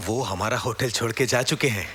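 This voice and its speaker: An actor playing a polite, deferential hotel clerk speaking to a guest. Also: male voice, medium pitch, brisk, natural voice. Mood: calm. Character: smiling, courteous male hotel clerk. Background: loud film score music.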